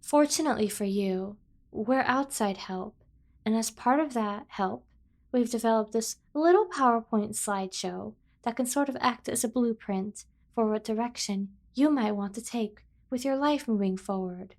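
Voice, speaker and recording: In a scripted ASMR roleplay addressed to the listener, a woman plays an obsessive, protective yandere sibling, full of earnest, over-the-top, doting devotion. Her natural voice is fairly high and darkish, at a moderate pace.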